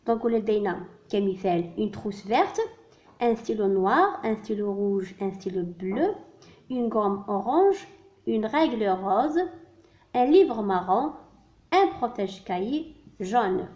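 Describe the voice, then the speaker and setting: A woman teaching a primary school French workbook lesson, switching between French and Arabic and saying each French word slowly and carefully. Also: medium pitch, expressive, darkish tone. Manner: slow, careful enunciation of French words. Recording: dull lo-fi recording.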